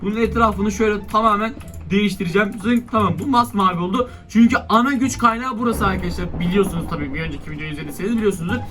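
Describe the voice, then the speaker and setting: A young man with a Turkish accent giving excitable Minecraft let's-play commentary, breaking into exasperated outbursts at attacking monsters. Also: sits high, racing, hardly any pauses, soft background music. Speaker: gaming YouTuber.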